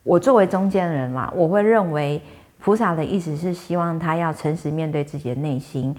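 A woman with a deep, darkish voice speaks a little fast, telling viewers about a client's case. She works as a fortune teller and medium, and her storytelling monologue is chatty, conversational, and full of fillers.

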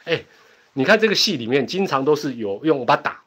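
A man's voice: on the high side, very animated, a little fast, a bit bright, breathy edge. A middle-aged man with a Taiwanese accent hosting a casual livestream, chatty and rambling, laughing often between asides. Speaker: livestream host. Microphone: home internet setup.

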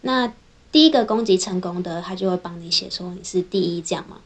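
A young woman engineer, telling her own workplace stories in a casual, chatty vlog, linking her thoughts with a steady run of "and then". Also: fairly low pitch, a little fast. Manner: chatty, strings thoughts together with frequent "then". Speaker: software engineer. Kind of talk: casual personal vlog storytelling.

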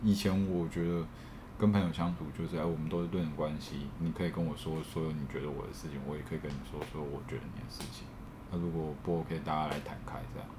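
A man's voice: extremely low pitch, fairly even intonation, quick pace, noisy background. A man with a Taiwanese Mandarin accent chatting casually and candidly, often repeating phrases as he thinks aloud. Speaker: podcast panelist. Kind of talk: casual chat.

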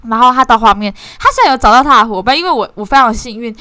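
A woman casually shares her impressions of a course, talking in an animated, self-mocking way with many restarts. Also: fairly high pitch, very fast, no room sound. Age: 20s. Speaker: course participant sharing reflections. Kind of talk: casual spoken sharing.

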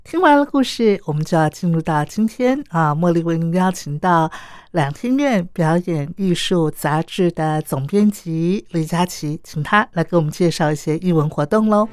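A woman's voice: fairly low pitch, animated, normal speed, no room sound, clean studio sound. A woman, a radio host who introduces the segments in a friendly, inviting way. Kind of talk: program introduction.

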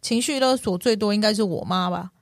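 A middle-aged woman co-hosting a podcast, chatting casually and telling stories with lively acted-out dialogue. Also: mid-range voice, brisk, dry recording, clean studio sound. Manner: lively storytelling, acting out quoted dialogue. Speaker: podcast co-host. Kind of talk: casual chat.

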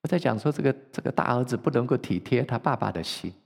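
A man preaching a sermon as pastor, who tells the story in a lively way and acts out its characters in a church sanctuary. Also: mid-range voice, fast talker, gravelly, husky. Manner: animated, acts out the story, laughs. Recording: long church reverb.

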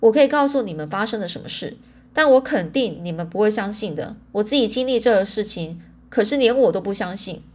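A woman's voice: mid-range voice, lively intonation, fairly quick, slightly rough. Stubborn old grandpa, as a woman reads him. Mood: wry. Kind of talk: audiobook reading.

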